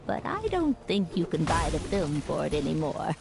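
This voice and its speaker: Casting: fussy, polite older game lady, lowish pitch, animated lilt, gently coaxing. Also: normal speed, gravelly, over music, exaggerated voice. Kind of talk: scripted video game voice acting.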